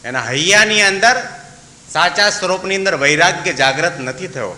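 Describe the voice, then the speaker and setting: An animated swami with a high, sharp voice speaks at a normal speed while recounting a devotional story. He acts out each character's dialogue and breaks into song for verses. The recording carries a hall's echo and faint hiss.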